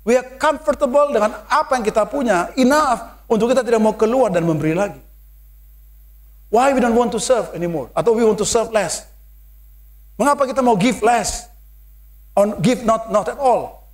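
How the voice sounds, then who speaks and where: A man with an Indonesian accent preaching a sermon in church, mixing English phrases into his talk and building to loud, emphatic calls. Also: very high-pitched, normal speed.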